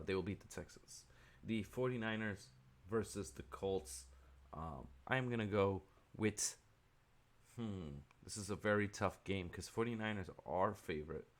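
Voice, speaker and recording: Deep-voiced male sports vlogger, casual opinionated picks talk. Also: fairly bright tone. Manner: offhand, opinionated, with frequent ums and asides. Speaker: sports video host.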